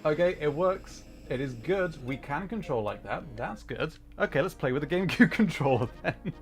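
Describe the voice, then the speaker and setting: At normal speed, an expressive male voice on the high side narrates a racing-game livestream. The VTuber host keeps the chat casual, thinking aloud through quick, short reactions.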